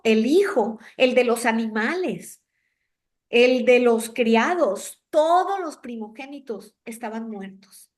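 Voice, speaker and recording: High-voiced woman teaching a devotional. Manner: conversational, asks the listeners questions. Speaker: devotional teacher for a women's group. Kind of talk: women's devotional talk.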